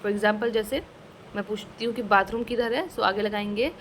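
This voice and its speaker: A woman teaching a casual language lesson, slowly explaining each phrase and repeating it twice, mixing English words into her talk. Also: mid-range voice, fairly even intonation, slight background noise, poor audio. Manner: mixes English words into Hindi.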